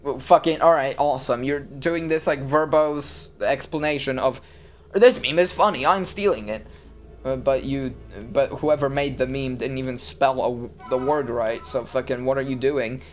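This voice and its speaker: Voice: mid-range voice, little pitch movement, normal speed, few pauses, faint music behind. A streamer ranting in live commentary, swearing constantly and rambling through restarts. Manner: rambling with many fillers and restarts.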